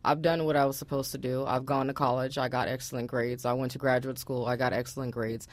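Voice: medium pitch, little pitch movement, fast talker, no echo. A person in their forties with a mid-range voice speaks as a radio panel guest. The delivery is insistent and frustrated, and the sound is close and dry. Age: 40s. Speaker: interview guest, unemployed business owner.

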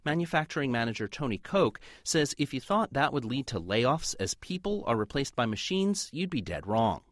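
A man's voice: medium pitch, normal speed, dry recording, studio quality. A man narrating a scripted business news report for radio. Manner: lively, polished delivery.

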